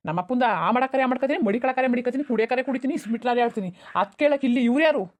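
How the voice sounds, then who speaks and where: For a cartoon, a woman voices a drunk, abusive, middle-aged village father, snarling angry threats and scolding rapidly. Her voice sits high, and the acting is light.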